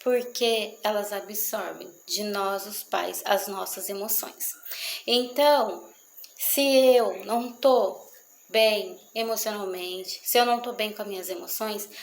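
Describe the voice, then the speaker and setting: A woman's voice: mid-range voice, slow pace, vocal fry, roomy sound, low-quality recording. A mother talking earnestly to an audience about raising children, repeating her phrases for emphasis. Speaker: mother speaking on parenting. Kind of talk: testimonial talk to an audience.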